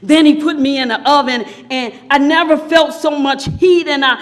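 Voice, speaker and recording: A woman preacher telling a sermon story with dramatic swings between hushed and loud delivery. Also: sits high, steady tone, moderate pace.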